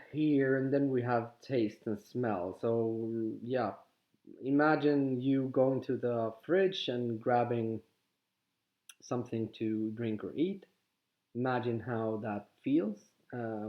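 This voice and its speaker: A spiritual teacher from Sweden, a native Swedish speaker with a Swedish accent, calmly guides listeners through a contemplative teaching in a medium-pitched voice. He speaks haltingly, often pausing and restarting sentences, and the lo-fi audio sounds slightly dull.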